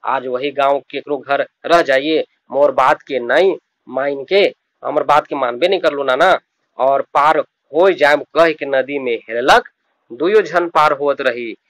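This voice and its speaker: A man's voice: medium pitch, a little slow, fairly bright tone, no echo. A male teacher, explaining a regional story by reading lines in dialect and paraphrasing each one plainly.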